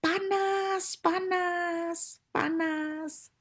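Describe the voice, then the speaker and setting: A woman voicing a female spirit of lust who cries out in shrill, wailing bursts. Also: fairly even intonation, extremely slow, exaggerated voice. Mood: shrieking.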